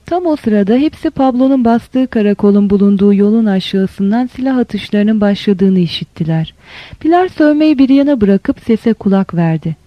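A woman's voice: medium pitch, expressive, moderate pace, dry recording. Woman narrating a novel, dry dull sound. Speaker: audiobook narrator.

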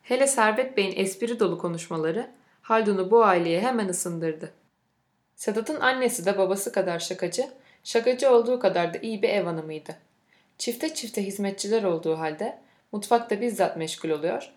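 A woman reading a novel aloud in a steady, measured storytelling voice. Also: mid-range voice, roomy sound. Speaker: narrator. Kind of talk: scripted audiobook narration.

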